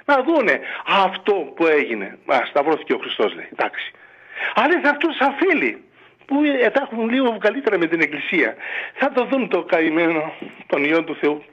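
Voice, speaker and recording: A man's voice: on the high side, slightly rough. A man, a monk, speaking in a radio interview in a fatherly, exhorting way, full of rhetorical questions, heard over dull lo-fi radio audio. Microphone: radio studio or phone line.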